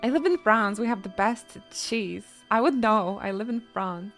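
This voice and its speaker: A woman's voice: medium pitch, moderate pace, fairly bright tone, soft background music. A woman from Poland, chatting casually with her stream in a joking, self-mocking way. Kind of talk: casual chat with chat readers.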